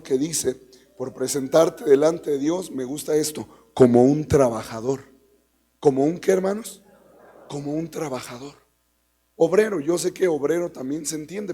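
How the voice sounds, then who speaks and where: A pastor with a Mexican Spanish accent and a somewhat high, warm, slightly rough voice preaches a teaching sermon. He's emphatic yet conversational, addressing listeners as brother, repeating key phrases, and posing rhetorical questions to the congregation.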